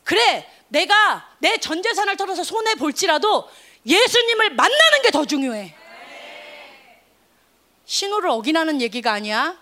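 High, bright, animated woman preaching. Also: moderate pace. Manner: animated, emphatic, call-and-response preaching. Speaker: youth pastor. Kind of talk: energetic youth sermon.

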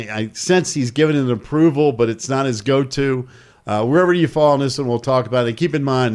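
Hosting a sports talk radio show, a man chats with a co-host and takes phone calls, talking emphatically and repeating himself a lot. His voice is medium-pitched and a little mellow.

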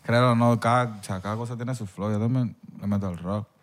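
A man's voice: fairly low pitch, fairly even intonation, brisk. A young man co-hosting a podcast in casual chat, laid-back and rambling, often searching for words.

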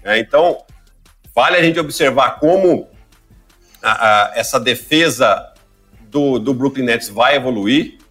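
A man who comments on basketball, talking through a podcast in a relaxed, conversational way. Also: mid-range voice, measured pace, pauses often, faint music behind. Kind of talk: podcast chat.

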